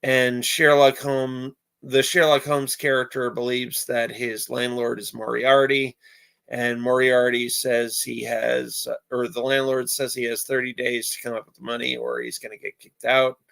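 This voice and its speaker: Talking loosely to viewers on a live stream, a hoarse-voiced man rambles and pauses often with fillers. His voice sits in the mid-range, a bit bright, and his delivery is flat.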